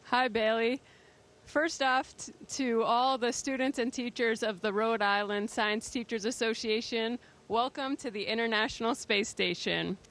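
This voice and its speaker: A woman's voice: a little high, fairly even intonation, unhurried, a bit bright. A woman astronaut giving friendly, simple explanations to students in a live question session from aboard a space station.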